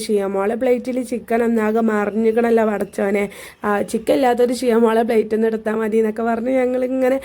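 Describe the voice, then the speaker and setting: A woman's voice: fairly high pitch, mellow. A young woman, chatting casually to her viewers in a family vlog. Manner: chatty, rambling, addresses viewers as guys. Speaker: vlogger.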